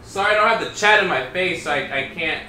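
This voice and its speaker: A young man streaming a zombie game, loud and profane, shouting at the game as he plays. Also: on the high side, fast. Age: young adult. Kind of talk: live gameplay commentary. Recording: echoey room, faint hiss.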